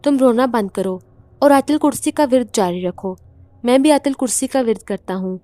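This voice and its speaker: A woman voicing a worried, protective father who calms his frightened family in a horror story. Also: on the high side, dry recording, natural voice. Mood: soothing. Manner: soothing, reassuring. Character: worried middle-aged father, calm and protective.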